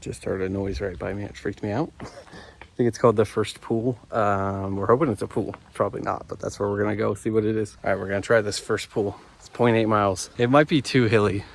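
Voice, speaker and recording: A man's voice: on the low side, steady tone, a little fast, creaky, a little hiss or hum. A man from South Carolina chatting casually with wry, self-mocking jokes while vlogging on an outdoor hiking trail, recorded on a handheld camera. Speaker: travel vlogger. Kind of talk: casual hiking vlog chat.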